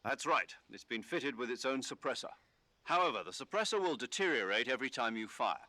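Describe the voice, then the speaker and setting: A male actor with a mid-range voice plays a calm, authoritative military commander in a video game, delivering measured, scripted mission briefings in an instructive mood. There is no room sound.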